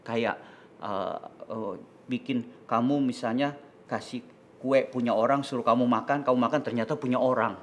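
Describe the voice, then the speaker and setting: A man's voice: medium pitch, moderate pace, slight background noise. A man with an Indonesian accent telling a Bible story to children as a kids church teacher. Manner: lively, patient, explaining.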